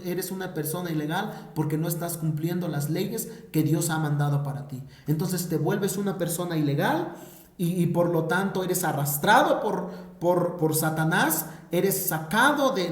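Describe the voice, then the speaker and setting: A Mexican man teaching a Bible lesson in an earnest preaching manner, often repeating words as he searches for the next phrase. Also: fairly high pitch. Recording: echoey room.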